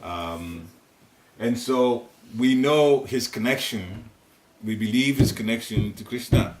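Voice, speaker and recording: Slow and mid-range in pitch, the voice of an older Ghanaian man with a Ghanaian accent fills a private living room as he leads a devotional class. He teaches informally on spiritual themes, rambling chattily and chuckling now and then. A room recorder at a distance captures him seated, giving a roomy home recording with faint hiss.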